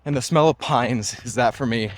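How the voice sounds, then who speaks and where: Out on a trail, a young man in his twenties vlogs while running, talking at a normal speed in a mid-range voice. He's upbeat and chatty, leaning on "like" and "just," and now and then he runs short of breath.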